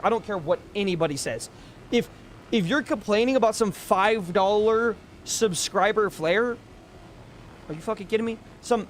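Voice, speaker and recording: High-voiced male game streamer ranting. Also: slight background noise. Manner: ranting, emphatic, swears freely. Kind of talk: casual live-stream commentary.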